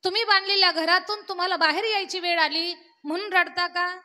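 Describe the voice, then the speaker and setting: A woman's voice: very high-pitched, fairly even intonation, brisk, sharp tone. A woman voicing a grown son who anxiously pleads with his father through urgent, repeated questions. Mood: pleading. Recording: long hall reverb.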